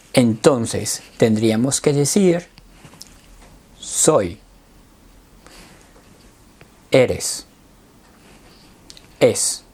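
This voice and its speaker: A man teaching a language lesson, drilling words slowly and checking in with frequent questions. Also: mid-range voice, darkish tone. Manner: slow, deliberate drilling of words. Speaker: Spanish teacher.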